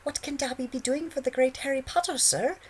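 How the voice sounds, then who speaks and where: A man's voice: very high-pitched, brisk, a little hiss or hum, voice pushed up. A man voicing a small, eager and overly deferential male house-elf. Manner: exaggerated servile eagerness.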